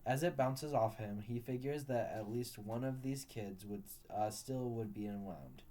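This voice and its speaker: Male storyteller, warm low-brightness tone, steady read-aloud delivery. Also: measured pace. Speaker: narrator.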